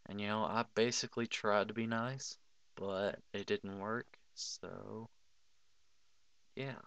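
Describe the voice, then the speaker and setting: A man's voice: on the low side, steady tone, slow, creaky, a bit bright, clear, resonant tone, no echo. A young man giving casual, blunt advice over a screen recording, swearing freely and filling with "like".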